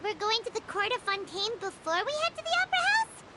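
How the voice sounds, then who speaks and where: A tiny, bubbly female companion creature from a game. Her voice sits very high and leaps all over the place. The game audio carries a loud hiss. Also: very animated, quick pace. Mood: curious. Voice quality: high, bubbly, refers to herself by name. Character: small chirpy female floating companion. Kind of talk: game voice acting. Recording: noisy game audio capture.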